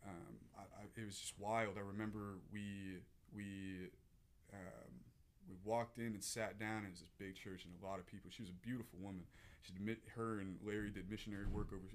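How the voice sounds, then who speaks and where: A man, telling a personal story as a podcast guest, earnest and emotional, often restarting his sentences. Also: fairly low pitch.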